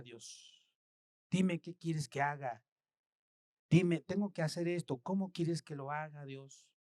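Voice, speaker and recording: A man preaching a sermon, swinging from loud, emphatic scripture reading to soft, murmured asides. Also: high-pitched, clean tone, dry recording, clean studio sound. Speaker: pastor.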